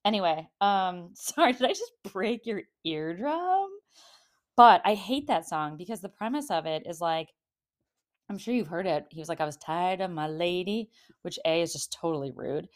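A woman's voice: on the low side, expressive, moderate pace. A woman nearly fifty talking casually about dating in a rambling, chatty monologue, full of fillers and laughs. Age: 40s. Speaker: podcast host.

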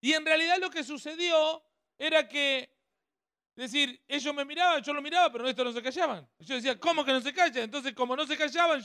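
High-voiced man teaching a workshop. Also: pushed and bright, smooth, dry recording, studio quality. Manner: conversational, checks with the audience often. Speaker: speaker at a family workshop.

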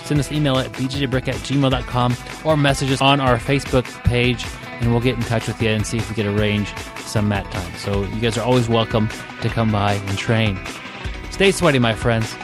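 A man's voice: medium pitch, steady tone, a little fast, over music. A man hosting a casual podcast, talking in a rambling way with many fillers and restarts. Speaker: podcast host.

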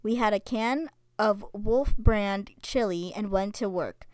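Young female podcast host, chatty and filler-heavy, smooth voice, dry close sound. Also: mid-range voice, slow pace, a little mellow, no room sound. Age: young adult. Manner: chatty, many fillers, reads stories aloud. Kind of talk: casual solo podcast chat.

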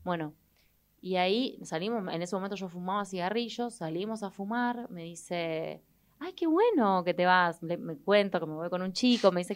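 A young adult woman with an Argentine accent, telling a personal story in an expressive way and acting out the people she quotes. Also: medium pitch. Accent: Argentine Spanish. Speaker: guest. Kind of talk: animated storytelling in conversation.

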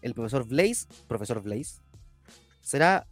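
A man's voice: mid-range voice, big pitch swings, measured pace, dry recording, soft background music. A man co-hosting a casual podcast, making an emphatic, indignant complaint. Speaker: podcast co-host.

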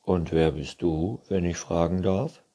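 A man's voice: sits low, unhurried, warm tone, slightly rough, heavily acted. Sulky shrugging dog, read by a man. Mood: dismissive. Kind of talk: children's book reading.

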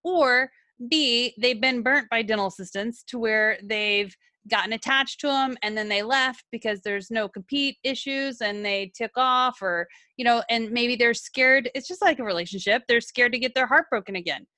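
A chatty woman co-hosting a casual talk show, laughing often as she tells animated workplace stories. Her voice is bright and a little high, recorded close and dry with no room sound. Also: moderate pace, no echo. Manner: giggly, animated storyteller. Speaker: dental assistant, podcast co-host. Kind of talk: casual chat.

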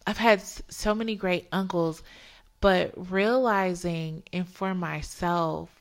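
A woman's voice: fairly low pitch, fairly even intonation, slow. A woman co-hosting a podcast, reflective and heartfelt in casual conversation. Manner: reflective, heartfelt, speaks of faith. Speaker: podcast co-host.

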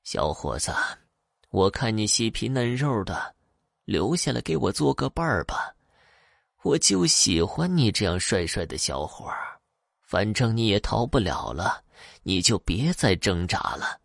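A man voicing an old woman ghost on a night bus, swinging between shrill shouts and slow, low coaxing. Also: sing-song, vocal fry, no echo, studio quality, heavily acted. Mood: sinister coaxing.

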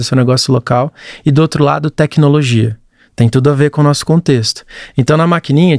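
A young man from Brazil, a podcast guest, talking in a lively, chatty way. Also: mid-range voice, no room sound, clean studio sound. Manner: animated, chatty, laughs often, acts out quotes. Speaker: podcast guest, content creator. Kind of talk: casual chat.

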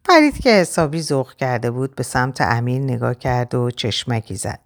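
A woman narrating a story in the first person, with a measured, expressive reading. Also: very deep voice.

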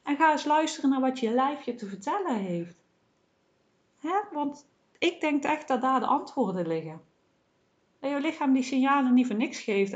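A woman hosting a casual self-help podcast, speaking in a gentle, reassuring way with many small fillers. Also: high-pitched, muffled recording. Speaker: podcast host.

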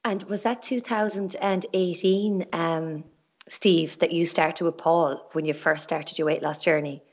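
Lower-pitched Irish woman hosting a podcast. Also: steady tone, unhurried, dull audio. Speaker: podcast host. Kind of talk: podcast introduction and casual interview.

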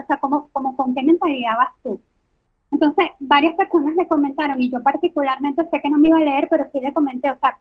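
A woman with a coastal Caribbean Venezuelan accent, close to coastal Colombian, talking through her opinions casually as a podcast guest on a thin phone-like line. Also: high voice. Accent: Venezuelan, coastal Caribbean, sounding like coastal Colombian. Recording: thin, phone-like call audio.

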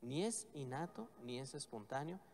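A man, a priest, reading the Gospel and preaching a homily in measured, emphatic phrases with slow stressed words. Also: mid-range voice, big pitch swings, a little mellow. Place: church. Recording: long church reverb.

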